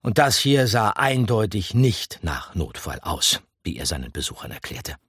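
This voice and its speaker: Husky, expressive male storyteller. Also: on the low side, normal speed, no echo, clean studio sound. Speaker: audiobook narrator. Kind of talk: scripted narration.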